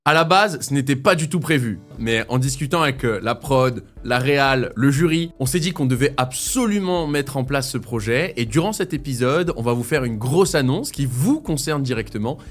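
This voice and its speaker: A man's voice: medium pitch, normal speed, hardly any pauses, faint music behind. A male host with an ordinary mid-range voice leads a casual commentary. He talks in a loose, conversational way. His speech drifts through small hesitations as he frames what comes next. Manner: relaxed, chatty, lots of hesitations.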